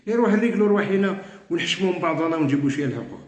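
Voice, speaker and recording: The coordinator of a veterans' group, a middle-aged man with an Algerian Arabic accent, pleads passionately and repetitively with his members. His high voice is a little mellow, with lively intonation and a very fast pace, set in a roomy echo.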